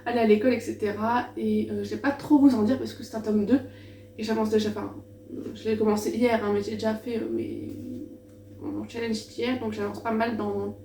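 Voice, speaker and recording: A woman's voice: mid-range voice, dark tone. A French-speaking woman hosting a book video, talking casually with many hesitations and restarts. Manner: hesitant, many fillers and restarts, self-mocking. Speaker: book channel host. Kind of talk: casual book presentation vlog. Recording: echoey room, mic at a distance, faint hum.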